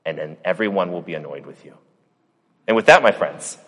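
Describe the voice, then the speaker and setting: A man's voice: deep voice, a little fast, fairly bright tone. A man, the pastor, giving a conversational sermon with rhetorical asides. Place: church. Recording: long church reverb.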